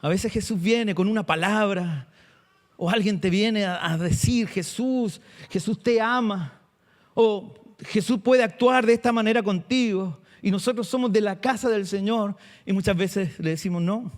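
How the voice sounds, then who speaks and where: Preaching a sermon in a high-sitting voice, a man who is a pastor asks his congregation questions and slows his delivery to emphasize important words.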